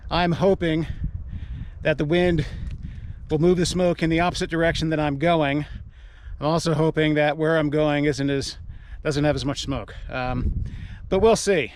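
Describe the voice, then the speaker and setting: An American man chats casually to camera through a face mask. His voice sits a little high for a man, and he rambles in a halting way. He is outdoors, with faint noise in the recording. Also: fairly even intonation. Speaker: outdoor video host. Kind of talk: casual vlog talk to camera. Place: outdoors at a mountain trailhead. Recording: noisy outdoor camera audio.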